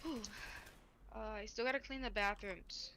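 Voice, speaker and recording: Woman, casual voice chat, trailing off, bright voice, slight background hiss. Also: fairly high pitch, moderate pace. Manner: chatty, trailing off mid-thought.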